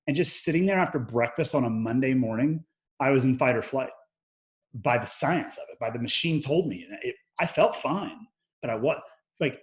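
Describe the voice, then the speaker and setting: A man tells his own story as an interview guest, candid and unfiltered, with frequent swearing. He slips into lively re-enactments of what people said to him. The audio sounds slightly dull and lo-fi. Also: mid-range voice, normal speed. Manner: profane, animated, acts out quoted dialogue.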